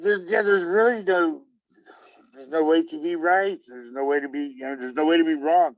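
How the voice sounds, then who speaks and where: A man's voice: on the high side, moderate pace, crowd noise. A man hosting a casual conversation, musing in a laid-back way. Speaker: host. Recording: distant, dry, dull lo-fi audio.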